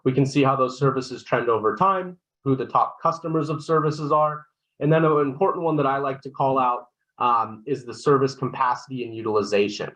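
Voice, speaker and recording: A man presenting a software product walkthrough on a webinar. He explains steps one by one, keeps checking in with "right?", and often restarts his sentences. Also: medium pitch, fairly quick, poor audio. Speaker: solution consultant presenting a software demo.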